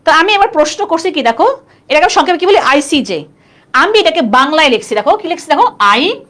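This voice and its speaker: A woman's voice: high voice, very animated, rapid-fire, a bit bright. A young woman teaching a live online class, chatty and constantly checking in with students. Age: young adult. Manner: chatty, quizzing students with "clear?". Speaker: admission test tutor.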